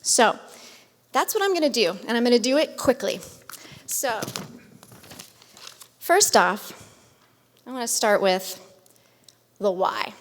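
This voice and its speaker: A woman's voice: fairly high pitch, big pitch swings, slow, long pauses. A woman from California giving an earnest, upbeat talk as guest speaker at a community event. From Modesto, California. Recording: long reverb of a large hall.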